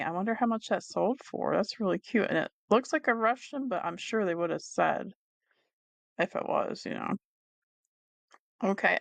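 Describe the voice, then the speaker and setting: A chatty woman vlogger with a gravelly edge to her voice talks casually through a reseller recap. She is easily amused and laughs often. The sound is close and dry, with no room around it. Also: medium pitch, no echo. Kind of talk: casual screen-share commentary.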